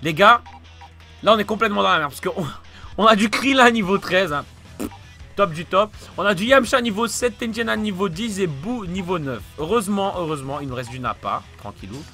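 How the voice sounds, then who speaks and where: A young man commenting on his own fighting game play, swearing and yelling at the screen, then muttering. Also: sits high, lively intonation, fairly quick. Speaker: let's play gamer. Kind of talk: frantic let's play commentary. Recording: game music behind the voice.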